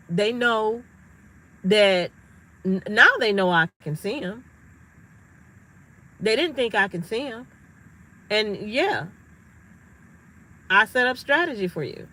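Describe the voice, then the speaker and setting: A woman's voice: mid-range voice, poor audio. A middle-aged woman talking to her viewers in a casual, emphatic monologue, telling stories with energy. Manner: emphatic, animated storytelling. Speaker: astrology vlogger.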